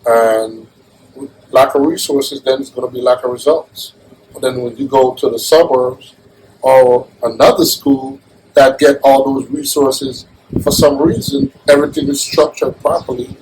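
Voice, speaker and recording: A man's voice: medium pitch, fairly even intonation, a little slow, a little mellow, poor audio. Man from Jamaica, earnest casual interview talk, restarts a lot, faint background noise. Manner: earnest, repeats himself, restarts phrases. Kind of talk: casual conversation.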